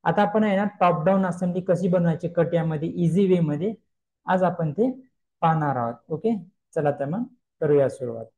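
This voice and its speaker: A man giving a screen-recorded software tutorial, explaining step by step and asking himself questions he then answers. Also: a little high, normal speed, low-quality recording. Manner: explains step by step, mixing English terms, repeats questions and answers them.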